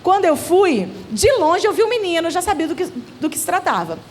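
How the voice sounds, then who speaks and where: A Brazilian woman giving a church seminar talk, telling stories with lively acted-out voices. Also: extremely high pitch, fairly quick, slight background noise. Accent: Brazilian Portuguese. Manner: animated, acting out the voices in her stories. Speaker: children's ministry leader and speaker. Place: church event hall.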